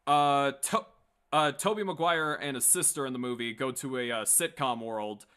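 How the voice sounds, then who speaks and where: Here a man at medium pitch talks at a moderate pace in a clean tone that sounds pushed and bright. As host of a late-night pop culture commentary show, he's casual and full of opinions, his speech rambling, halting and emphatic.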